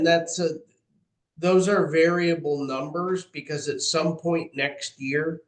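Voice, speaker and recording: A man's voice: medium pitch, a bit bright. A man speaking as an official in a meeting, explaining budget items, recorded with roomy echo. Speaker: town official answering budget questions. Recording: echoey, roomy meeting audio.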